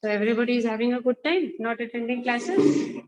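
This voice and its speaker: A woman's voice: on the high side, quick pace, a little mellow, no echo. A woman with an Indian accent, a school teacher instructing an online class, repeating herself and checking in with questions.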